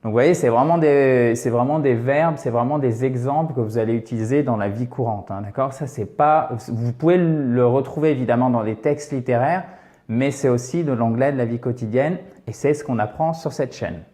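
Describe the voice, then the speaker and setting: A man at middle pitch gives a lesson on English phrasal verbs, explaining in French. He talks patiently and keeps checking in with his students. Now and then he turns away to write, and his voice drifts off the mic. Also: normal speed, mellow. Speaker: English teacher.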